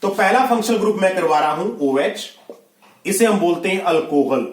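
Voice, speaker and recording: A man's voice: high voice, animated, moderate pace. A man teaching a science class online, explaining step by step and often asking whether students have understood. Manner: explains step by step, asks checking questions. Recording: echoey room.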